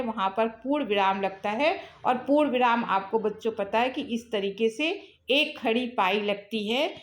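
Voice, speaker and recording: A woman teaching a Hindi grammar lesson for exam students, explaining slowly and addressing her students directly. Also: fairly high pitch.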